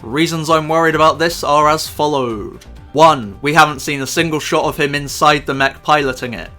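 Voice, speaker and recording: A man's voice: fairly high pitch, moderate pace, bright, forceful tone, soft background music. A man ranting about a film in sarcastic, profane, exasperated commentary. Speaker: YouTube commentator.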